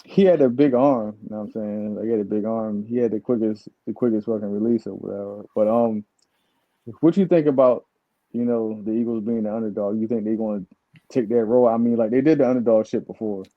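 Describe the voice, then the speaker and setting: A man's voice: on the low side, fairly quick, dry recording, phone-quality sound. A man co-hosting a podcast, chatting about football in a slangy way, always saying "dog" and "yo". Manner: slangy, says "dog" and "yo" constantly. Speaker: podcast co-host. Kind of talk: casual sports chat.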